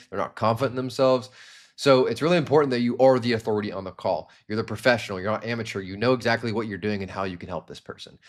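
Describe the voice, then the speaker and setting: A young man in his twenties teaching sales to camera, energetic and demonstrating different tones with hand gestures. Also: mid-range voice. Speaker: sales trainer. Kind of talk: instructional talk to camera.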